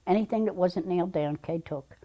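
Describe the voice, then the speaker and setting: An older woman from Philadelphia describes her childhood routines in an interview. Her voice is mellow and warm, and she speaks in a plain, matter-of-fact way, full of small details. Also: on the low side, fairly quick. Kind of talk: reminiscing interview.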